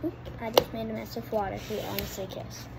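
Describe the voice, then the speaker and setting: A child vlogger talks fast to camera from a kitchen table by a window at home, chatty and rambling, with many restarts. Her female voice is mid-range with a steady tone, the phone propped on the table picks it up, and the recording is very noisy.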